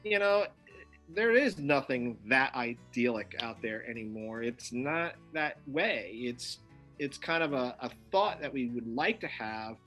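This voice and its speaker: A man's voice: mid-range voice, expressive, a little slow, bright, forceful tone. A man co-hosting a music talk show, chatting casually and with enthusiasm. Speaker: podcast co-host. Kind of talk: casual chat.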